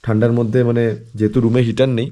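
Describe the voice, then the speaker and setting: A man's voice: medium pitch, little pitch movement, fast talker, mellow. A man filming a casual travel vlog with his wife, chatty and often searching for words. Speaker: travel vlogger.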